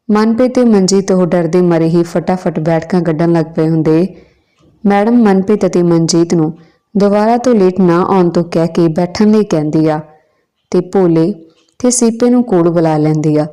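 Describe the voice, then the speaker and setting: A woman narrating a village story in a steady, plain way. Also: fairly low pitch, moderate pace.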